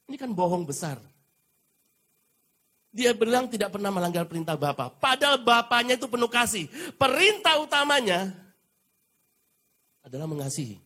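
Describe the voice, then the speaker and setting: A middle-aged male pastor giving a sermon in a church, in a casual, slangy preaching manner with lively asides. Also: sits high, moderate pace, pauses often, slightly rough. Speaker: associate pastor. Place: church sanctuary.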